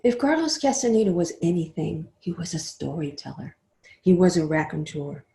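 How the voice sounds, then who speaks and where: An older woman giving a webinar talk, telling stories expressively and often trailing off into a soft, quiet voice. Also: fairly low pitch, big pitch swings, moderate pace, creaky. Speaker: webinar speaker. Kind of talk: storytelling talk. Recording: roomy echo.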